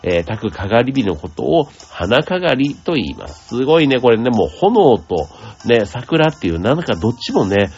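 A man hosting a radio show, explaining things in a gentle, chatty way with many asides and fillers. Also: medium pitch, big pitch swings, moderate pace, hardly any pauses, lo-fi sound. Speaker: radio host. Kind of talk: casual explanatory radio talk.

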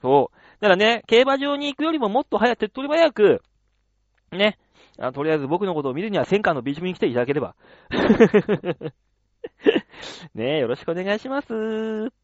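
A man's voice: sits high, expressive, moderate pace, dry recording, highs cut off. A man hosting a radio show, chatting and telling stories in a self-mocking way. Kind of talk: casual chat monologue.

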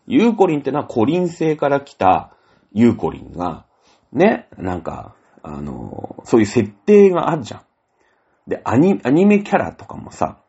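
Male host, hugely animated pitch, husky tone, lo-fi audio. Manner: rambling, animated storytelling with many fillers. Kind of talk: casual solo talk. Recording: dull lo-fi audio.

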